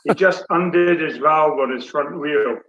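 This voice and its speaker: A man's voice: fairly high pitch, measured pace, a bit bright. A man hosting a livestream chat, teasing the others and laughing easily. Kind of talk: casual chat. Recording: muffled echoey room.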